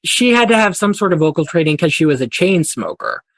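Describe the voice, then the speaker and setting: A man's voice: fairly high pitch, sing-song, fairly quick, fairly bright tone, no echo. A man hosting a podcast, casually retelling old Hollywood stories. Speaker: podcast host.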